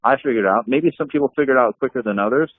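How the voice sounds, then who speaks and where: A man's voice: medium pitch, rapid-fire, dry recording. Man on a tinny call, rambling. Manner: rambling with many fillers and restarts; laughs often while telling stories. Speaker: anti-scam blogger on a group call. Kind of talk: casual reminiscing chat. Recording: dry tinny call audio.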